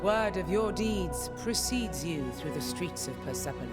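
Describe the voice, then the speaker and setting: A woman's voice: on the low side, expressive, moderate pace, loud music behind the voice, close to an everyday voice. A woman playing a regal, solemn queen of Persia in a video game, speaking in a stately, ceremonial manner. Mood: solemn, commanding. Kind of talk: dramatic video game acting.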